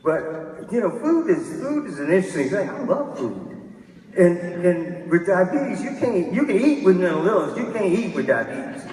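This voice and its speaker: A man's voice: high-pitched, big pitch swings, normal speed, darkish tone, a little hiss or hum. A man in his fifties giving a candid, self-deprecating keynote talk, often restarting his sentences. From Texas. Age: 50s. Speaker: keynote speaker. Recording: echoey hall from a distance.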